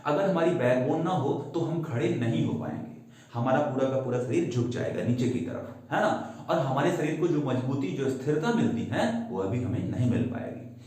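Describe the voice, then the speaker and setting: A man gives a grammar lesson in a lively, swinging voice with a mellow, dark tone, posing questions and answering them himself while drawing out key words slowly. The recording is strongly echoey, with his voice sitting some distance from the mic. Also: medium pitch. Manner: mixes English terms into Hindi explanation. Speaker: English grammar teacher. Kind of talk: classroom-style video lesson. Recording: echoey room, voice away from the mic.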